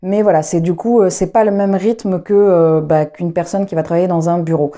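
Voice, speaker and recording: A woman's voice: on the low side, fairly even intonation, moderate pace, mellow. A young adult woman from France chatting casually to camera, rambling with many fillers and restarts. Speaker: knitting vlogger and trumpet player.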